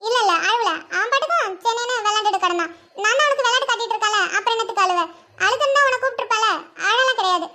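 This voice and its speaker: A woman voicing a fussing elderly grandmother in an animated cartoon, pleading and chiding in a homely way. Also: extremely high pitch, racing. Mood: reassuring. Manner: pleading, chiding, rural Tamil grandmotherly speech.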